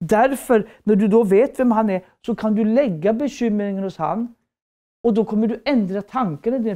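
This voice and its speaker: A woman preacher teaches a Bible school class. Her voice is warm and mellow at a middle pitch. She drives her points home with fervent repetition and rhetorical questions. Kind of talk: preaching lecture.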